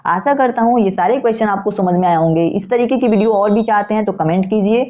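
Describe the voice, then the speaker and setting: A man's voice: high-pitched, quick pace. A male physics teacher talks through an exam problem step by step. He asks questions and answers them himself, and keeps checking in with the listener. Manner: repeats steps, with frequent "theek hai" checks. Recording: tinny phone-like sound.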